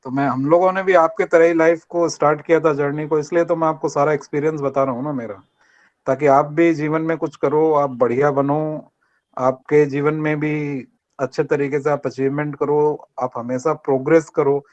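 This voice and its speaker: An older man from Rajasthan, India, guest speaking at a college workshop over an online video meeting, gives students an earnest motivational talk and asks them to answer back. His voice is on the high side, steady and moderately paced, with dull lo-fi online call audio.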